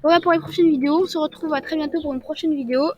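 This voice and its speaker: A woman's voice: high voice, fairly even intonation, racing, darkish tone, poor audio. A woman giving a casual, rambling game tutorial, full of "donc voilà" and "hop" as she clicks through menus. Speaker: video game tutorial creator.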